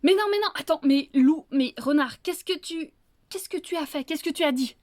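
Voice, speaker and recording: A woman voicing a scheming male wolf who grows loud and exasperated, stammering as he scolds. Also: moderate pace, dry recording, clean studio sound, natural voice. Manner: exasperated, shrill, stammering when upset.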